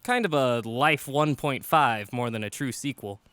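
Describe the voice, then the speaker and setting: A man playing an easygoing officer with a smooth, clean voice recorded dry and close. He sounds relaxed and a bit evasive. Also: mid-range voice, normal speed, no room sound, natural voice. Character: laid-back officer back from the dead.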